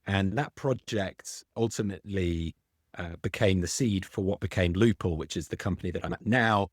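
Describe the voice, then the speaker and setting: A middle-aged British man, a legal tech founder appearing as a podcast guest, explains things at length and often restarts on small words. His voice sits low at a moderate pace. The studio sound is clean with no echo.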